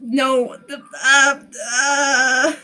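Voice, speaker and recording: Giggly flustered young woman reading a visual novel out loud, slow and high-pitched. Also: little pitch movement, soft background music, poor audio. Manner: flustered, giggly, squealing outbursts. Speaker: let's play gamer. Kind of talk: visual novel let's play, reading text aloud with reactions.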